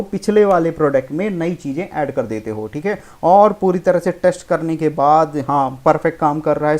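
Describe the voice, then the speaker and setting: A man's voice: fairly high pitch, darkish tone. Informal man explaining while self-correcting. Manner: informal, keeps saying "theek hai", self-correcting. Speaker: programming tutor. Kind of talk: casual Hindi-English lecture.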